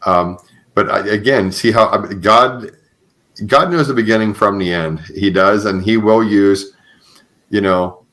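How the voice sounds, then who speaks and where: Speaking a little slowly, the podcast host has a lowish, fairly bright voice. He interviews conversationally with religious encouragement, sounding affirming and repeating phrases to drive points home.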